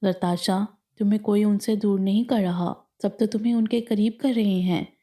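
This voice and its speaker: A woman's voice: mid-range voice, steady tone, normal speed, dark tone, natural voice. A woman narrator voicing a playful, teasing young woman friend of the bride, in a storybook reading.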